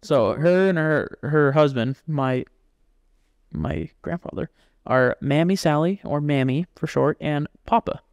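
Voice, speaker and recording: A man co-hosting a casual podcast chat, telling stories in an animated way, acting out folksy voices and swearing casually. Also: a little high, measured pace, no echo. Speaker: podcast co-host.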